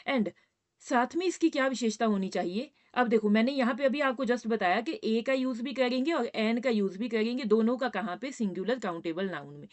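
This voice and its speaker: A woman's voice: on the high side, normal speed. A woman teaching a grammar lesson, patiently repeating points and checking in with her students. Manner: addresses students as "बेटा".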